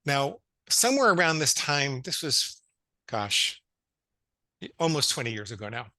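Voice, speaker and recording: A man's voice: medium pitch, big pitch swings, a little slow, pushed and bright, no echo. A man in his fifties, a psychologist guest telling his story in casual interview chat, earnest, with stammered restarts. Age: 50s.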